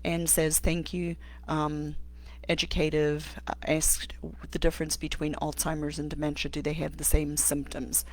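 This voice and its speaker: A middle-aged woman from Africa, an occupational therapist hosting a live stream and answering viewer questions, thinking aloud with many pauses and restarts. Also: deep voice, completely flat delivery. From South Africa. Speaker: host.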